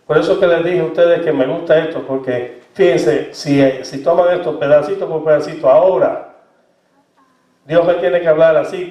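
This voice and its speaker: A male pastor preaching a sermon slowly and conversationally, acting out dialogue. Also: fairly high pitch. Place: church sanctuary. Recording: echoey, distant, dull church recording.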